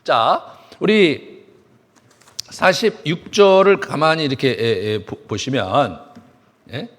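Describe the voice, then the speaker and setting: A man preaching a sermon as pastor, acting out the words he quotes with lively delivery. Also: medium pitch, takes it slowly. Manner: animated preaching, acts out quoted speech. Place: church sanctuary. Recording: long hall reverb.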